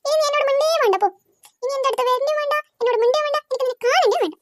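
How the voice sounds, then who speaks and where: A performer voicing a touchy young girl in a cartoon who is quick to feel hurt and sulk. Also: very high voice, faint music behind. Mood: sulky. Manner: sulky, quick to take offence.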